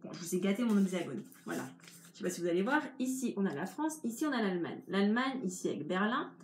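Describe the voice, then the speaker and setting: A woman's voice: mid-range voice, sing-song, fast, a little hiss or hum. A young woman giving an informal history lesson, explaining step by step in a chatty way. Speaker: history tutor. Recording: echoey room with faint ambience.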